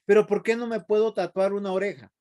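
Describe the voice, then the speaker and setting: A man's voice: high-pitched, fairly even intonation, fast, dark tone, pitched above the performer's own voice, natural voice. A man voicing a teenage boy who whines and pleads with his father about church and piercings. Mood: whiny. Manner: whining, pleading.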